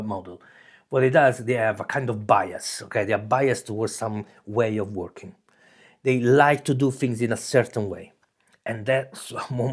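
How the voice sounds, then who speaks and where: He's a man from Italy running his own channel, and his mid-range voice sounds a little mellow and slightly rough. With an Italian accent, he works through ideas in a casual, loose monologue, restarting phrases and often adding "okay?".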